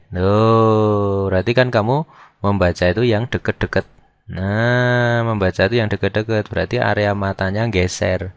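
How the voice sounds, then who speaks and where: A man's voice: fairly low pitch, no room sound, clean studio sound. A young man, teaching physics in a casual lesson. He asks questions in his own voice and answers them, filling the talk with "nah" and "kan gitu". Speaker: physics tutor.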